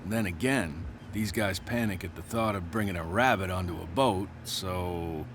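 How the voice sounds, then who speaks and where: An actor playing a gruff, dismissive policeman on guard in a video game, curt and sardonic. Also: low-pitched, moderate pace, noisy background, natural voice.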